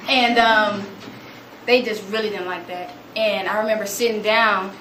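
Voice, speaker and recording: A young woman gives an animated storytelling talk to an audience, acting out quotes in a higher voice. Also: normal speed. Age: young adult. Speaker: student speaker. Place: room with an audience. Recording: echoey room, noticeable background noise.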